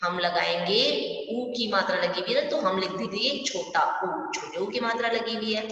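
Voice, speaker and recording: A woman's voice: mid-range voice, moderate pace, fairly bright tone, far from the mic. A woman teacher leads a primary school language lesson, patiently working through each point and asking questions along the way. She sounds set back from the microphone in a very echoey room with a long tail of reverb, and the sound is somewhat dull. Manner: patient, explains step by step with frequent questions to pupils. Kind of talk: online class lesson.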